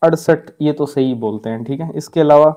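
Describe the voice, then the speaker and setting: Guy teaching grammar for exams, kinda high voice, keeps saying "ठीक है" and repeating the right way to say stuff. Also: moderate pace, dark tone. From Rajasthan. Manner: repeats points with frequent "ठीक है" check-ins; drills correct pronunciations, contrasting right and wrong forms. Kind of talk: exam-prep grammar lesson.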